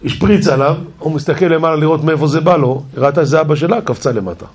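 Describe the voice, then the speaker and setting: Husky man telling a comic story. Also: fairly high pitch. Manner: animated, jokey narration.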